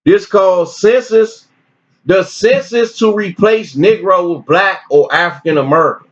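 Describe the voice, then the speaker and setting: A man teaching informally and reading articles aloud with his own commentary, in an animated, preachy way with repeated phrases. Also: high-pitched, unhurried. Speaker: religious teacher. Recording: dull lo-fi recording.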